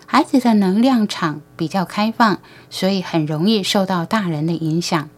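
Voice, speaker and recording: A patient, knowing alien teacher speaks to a room of human parents, as a woman reads him aloud. His lines come gently and without hurry in an audiobook reading, close to the reader's own voice. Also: lowish voice, normal speed, lightly acted. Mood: gentle, instructive.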